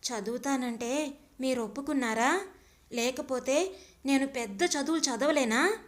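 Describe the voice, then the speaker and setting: A woman's voice: high voice, a little slow. A woman voicing a timid young housewife who pleads with her husband. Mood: hurt pleading. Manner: hesitant, hurt.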